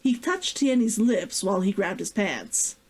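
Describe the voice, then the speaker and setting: A woman's medium-pitched, expressive and slightly mellow voice hosts a stream where she, a vtuber and author, chats excitedly and reads from her own novel. Her manner is giggly and effusive, with drawn-out sighs.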